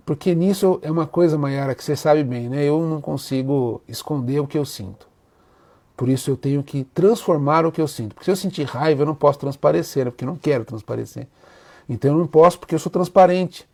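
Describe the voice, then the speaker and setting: A man's voice: a little high, fast talker, vocal fry, darkish tone. A man with a Brazilian Portuguese accent, an Umbanda priest and teacher, giving an emotional, heartfelt live talk to his viewers. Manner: emotional, openly moved, speaks with feeling.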